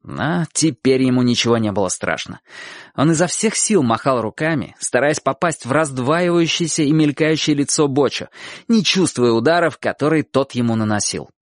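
A man reading a story aloud with lively, expressive narration. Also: mid-range voice, normal speed, no room sound, clean studio sound.

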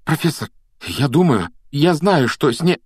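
A man's voice: mid-range voice, lively intonation, normal speed, slightly rough, no echo, clean studio sound, voice pushed up. A man voicing a brave, anxious schoolboy wizard in a storybook reading, speaking urgently and earnestly.

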